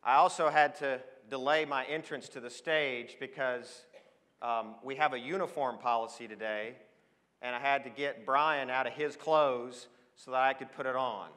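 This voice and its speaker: Speaking from a stage in a large hall, this American advertising professional and conference speaker in his forties gives an enthusiastic, emphatic motivational business presentation, often questioning his listeners. He came from Switzerland and then Oregon. His mid-range voice is bright and forceful, with fairly even intonation at normal speed, and the room's long echo rings through the recording.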